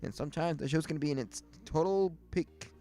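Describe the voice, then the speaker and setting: A man's voice: fairly high pitch, a little fast, warm tone. Rambling man hosting a casual livestream. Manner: rambling, many fillers and restarts. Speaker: livestream host. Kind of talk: casual chat. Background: faint music.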